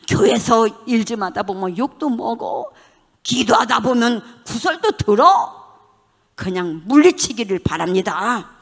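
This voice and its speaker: Older deaconess, fervent testimony preacher, acts out dialogue, reverberant church hall. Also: female voice, mid-range voice, vocal fry. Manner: fervent preaching with shouted hallelujahs; acts out quoted dialogue in dramatic voices. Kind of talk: testimony sermon. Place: church sanctuary.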